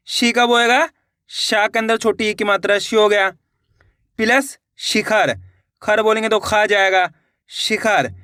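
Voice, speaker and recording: High bright-voiced male teacher. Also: no room sound, studio quality. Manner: slow, repeats each word, asks and answers its own questions. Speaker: Hindi reading teacher. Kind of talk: step-by-step spelling lesson.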